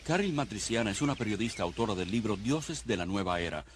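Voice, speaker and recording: A man narrating a documentary in a measured, solemn scripted voice-over. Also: lowish voice, lively intonation, slight background noise. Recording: studio voice-over over loud music.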